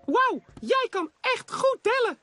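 Squeaky cheerful cartoon mouse. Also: sing-song, slow pace, full character voice. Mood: encouraging. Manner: bright, encouraging, sing-song counting. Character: cheerful upbeat male cartoon mouse leading kids. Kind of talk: cartoon dub voice acting. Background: music.

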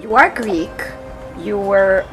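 A woman hosting a casual outdoor interview, cheerful and quick to laugh. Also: medium pitch, music in the background, poor audio. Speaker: interviewer, host. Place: outdoor garden.

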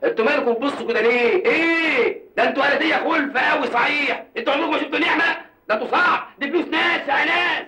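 An actor playing a cowardly, joking working-class Cairo man with an Egyptian Arabic accent and rapid streetwise banter. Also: very high voice, bright, forceful tone, full character voice. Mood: mocking. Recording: echoey film sound, mic far off.

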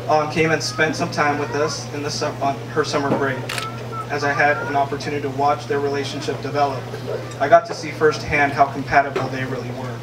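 Nervous young guy reading a wedding toast into a handheld mic, bit high, echoey, sounds far off, noisy. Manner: nervous, laughs between lines. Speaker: best man. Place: large wedding tent, indoors. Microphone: handheld microphone. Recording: echoey room, mic heard from afar, crowd noise.

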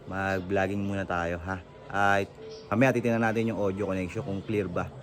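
Riding his motorcycle outside, a man records a casual how-to vlog over a helmet intercom, speaking at a moderate pace in a low voice that barely shifts in pitch. Soft music plays in the background. His talk is loose, rambling, and full of fillers, and the sound quality is dull and lo-fi.

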